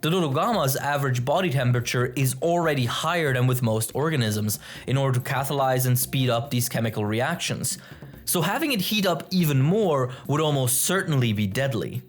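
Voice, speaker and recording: A man reading scripted nature documentary narration in a measured, formal, expository way. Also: medium pitch, animated.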